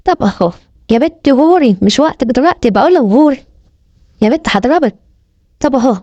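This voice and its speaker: A woman with an Egyptian accent gives animals funny voices, her tone high and her talk quick and playful. Her voice sits on the mellow side, recorded dry and close. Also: expressive, dry recording, muffled recording. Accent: Egyptian Arabic. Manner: playful, bantering. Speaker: comic voice-over dubber. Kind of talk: comic animal voice-over.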